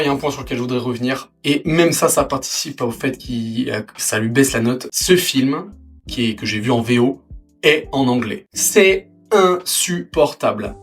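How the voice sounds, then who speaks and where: Halting, ranting French film critic man. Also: medium pitch. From France. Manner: filler-heavy and halting, turning into an indignant rant. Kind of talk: casual film review.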